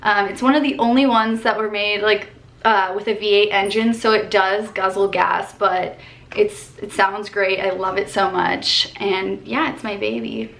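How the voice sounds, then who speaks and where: A vlogger in her twenties from Colorado chats upbeat and casually through a Q&A, filling her talk with "like" and "um." Her mid-range voice is unhurried, gravelly and a bit bright, recorded on a camera at desk distance in her bedroom.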